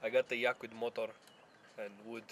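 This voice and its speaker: A man's voice: mid-range voice, completely flat delivery, moderate pace, fairly bright tone. A man making dry jokes in casual banter at an outdoor airfield.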